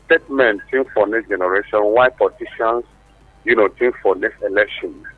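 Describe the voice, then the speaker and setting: A man's voice: lowish voice, moderate pace, slightly rough. A man calling into a radio show over a phone line, speaking in rambling, flowery formal phrases full of fillers. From Nigeria. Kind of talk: call-in comment on a radio show. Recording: muffled phone line with hum.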